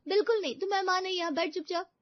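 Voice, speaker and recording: A warm, fussing sister-in-law who insists her guest sit down, put on by a woman. The voice is very high, with a dull, dry recording. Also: quick pace, dry recording. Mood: welcoming.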